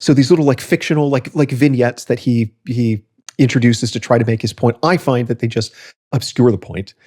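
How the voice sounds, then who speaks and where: A man's voice: medium pitch, a little fast, dark tone. A man co-hosting a podcast, reading quotes aloud and picking them apart, with lots of fillers and restarts. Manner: reads quotes aloud and comments critically, frequent fillers and restarts. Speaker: podcast co-host. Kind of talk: casual podcast discussion.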